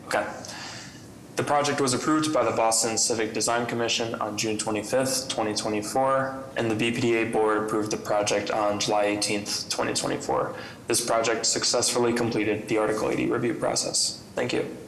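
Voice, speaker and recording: A city planning project manager gives a formal procedural report at a public hearing, speaking over a video call and reading dates and steps in an even, businesslike way. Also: male voice, fairly low pitch, a little fast, vocal fry. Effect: heard over a video call. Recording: roomy video call audio with faint noise.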